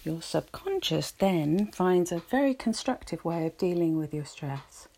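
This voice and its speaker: Brief: soothing woman, relaxation guide, low husky voice. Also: lively intonation, warm tone. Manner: slow, soothing, reflective.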